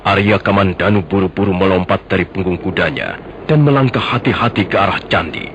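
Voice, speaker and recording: A man narrating a scripted radio drama with measured, dramatic storytelling. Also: low-pitched, expressive, noisy background. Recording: dull lo-fi radio recording. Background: prominent music.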